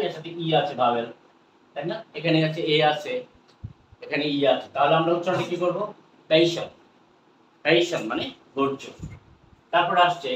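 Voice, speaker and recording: A man's voice: fairly high pitch, fairly bright tone. A man with a Bangladeshi accent teaching English pronunciation, repeating words many times and asking his viewers questions. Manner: slow, repetitive drilling with frequent questions to viewers. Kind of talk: pronunciation lesson. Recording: roomy sound from a distant mic with faint noise.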